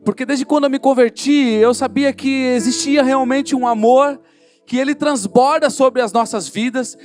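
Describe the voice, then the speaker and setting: A fervent Brazilian man preaching his own testimony from the pulpit, his voice sitting very high. He tells the story vividly and acts out the dialogue. Soft instrumental music plays faintly behind him. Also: steady tone, moderate pace. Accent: Brazilian Portuguese. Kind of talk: sermon testimony. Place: church service in a hall.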